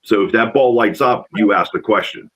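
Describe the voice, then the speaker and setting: A middle-aged man telling a rambling, excitable story as a guest in casual chat, repeating words as he goes. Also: on the low side, moderate pace, low-quality recording. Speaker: paranormal investigator guest.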